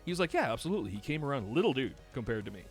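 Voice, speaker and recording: A man with a New York accent, hosting a podcast and telling stories in casual chat, animated and swearing freely. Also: mid-range voice, very fast, faint music behind. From United States. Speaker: podcast host.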